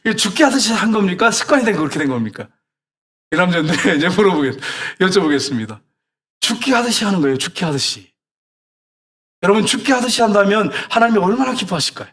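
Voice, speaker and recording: Fast-talking high-voiced male pastor preaching. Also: a bit bright. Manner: exhorting, scolding with rhetorical questions. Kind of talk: sermon.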